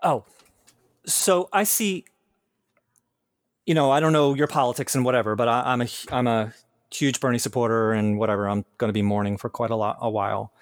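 Recorded with a clean studio sound and no room ambience, a male podcast host speaks a little fast in a mid-range voice. His casual interview talk is hesitant and searching, packed with fillers and false starts.

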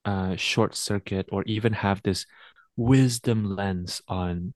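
A man as a podcast guest, speaking in a reflective, measured, thoughtful way. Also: fairly low pitch, fairly even intonation, no echo. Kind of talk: casual conversation.

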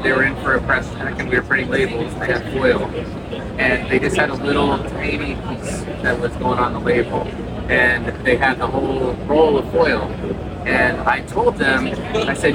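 A man hosting an interview in a chatty, rambling way, heard as a low quality stream. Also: flat delivery, moderate pace, very noisy. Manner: chatty, rambling, self-deprecating. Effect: low quality stream, muffled and distant. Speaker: host, interviewer. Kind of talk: casual interview. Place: trade show floor. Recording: distant lo-fi audio with loud music.

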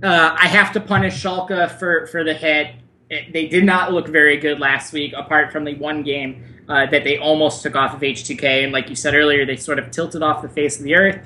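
A man co-hosting a casual podcast with a bright, sharp-edged tone. He breaks down his picks with enthusiasm and blunt opinions. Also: a little high, level tone, normal speed, a little hiss or hum. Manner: enthusiastic, blunt, swears when worked up. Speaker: podcast co-host.

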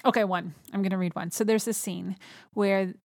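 A woman's voice: medium pitch, steady tone, moderate pace, a little mellow, dry recording, studio quality. A woman hosting a podcast in an enthusiastic, chatty way. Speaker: podcast host. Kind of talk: casual chat.

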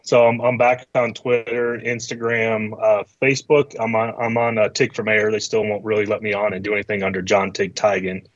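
A man's voice: fairly low pitch, little pitch movement, fairly quick, hardly any pauses, no echo, dull audio. A man being interviewed as a guest, talking casually with lots of fillers and restarts. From Colorado Springs. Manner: casual, rambling, many fillers. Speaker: guest, mayoral candidate.

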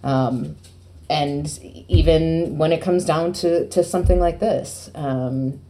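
A woman's voice: sits low, slow, mellow. A woman co-hosting a podcast, chatting in a rambling, playful way with many fillers. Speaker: podcast co-host, PR agency. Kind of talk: casual podcast chat.

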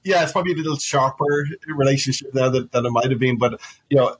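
An Irish man in his fifties, a customer support executive, is a guest on a conversational podcast interview. His mid-range voice moves quickly over a slight hiss or hum as he gives an earnest, explanatory answer, often saying "you know."

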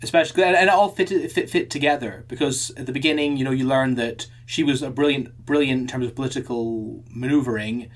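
Chatty male podcast host, halting restarts. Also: medium pitch. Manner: thinks aloud with many restarts and repeated words. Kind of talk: casual chat.

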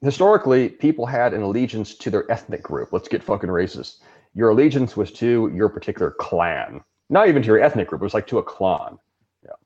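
A man's voice: lowish voice, very animated, a little fast, darkish tone. Profane ranting man, dull lo-fi sound. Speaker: podcast guest. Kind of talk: casual podcast conversation.

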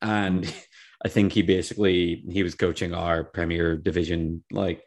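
A young man with a low, deep voice hosts a casual interview. He chats in a friendly, self-deprecating way and often starts his sentences hesitantly. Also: flat delivery, measured pace. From Northern Ireland. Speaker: podcast host.

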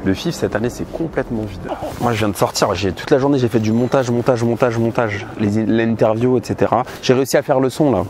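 A man's voice: mid-range voice, fairly quick, few pauses. A man in his thirties talking candidly and bluntly in a casual vlog, with plenty of fillers. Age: 30s. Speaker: vlogger. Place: outdoors on a busy city street. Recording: noisy outdoor street recording. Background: traffic and street ambience.

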